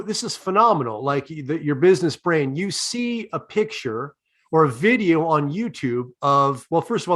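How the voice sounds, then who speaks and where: A man hosting a comedy podcast, building long, deadpan, profane setups for his guest's answers. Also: a little high. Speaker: podcast host. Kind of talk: comedic interview.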